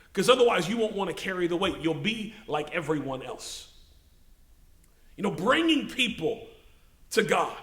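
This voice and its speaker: Impassioned preacher in an echoey sanctuary. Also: male voice, very high voice, sharp tone. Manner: preaching with rising, emphatic swells and slow, stressed repetition. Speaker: pastor. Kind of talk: sermon. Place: church sanctuary.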